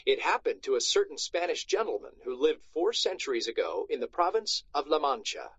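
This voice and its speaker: With a slightly rough, a-little-high voice, a man reads a storybook to schoolchildren at a brisk clip. His narration is dramatic and expressive, and the recording sounds slightly muffled.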